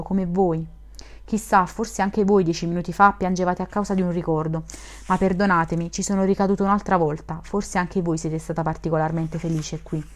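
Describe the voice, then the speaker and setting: Woman voicing a shy, effusive young dreamer for an audiobook, lowish and heartfelt. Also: a little mellow, close to an everyday voice. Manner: earnest, gushing. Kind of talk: audiobook reading of a classic novel.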